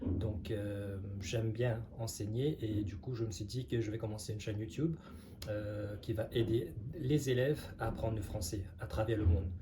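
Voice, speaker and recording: A man's voice: on the low side, moderate pace, background noise. A man teaching a casual online language lesson, hesitant and conversational, with many filler sounds. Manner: relaxed, conversational explaining. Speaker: French teacher.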